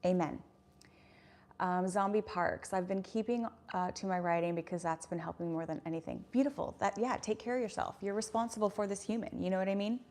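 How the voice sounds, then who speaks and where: A woman's voice: mid-range voice, fast talker, hardly any pauses, darkish tone. A woman in her thirties hosting a casual livestream, reading viewer comments and talking in an earnest, rambling way with lots of fillers. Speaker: YouTube livestream host.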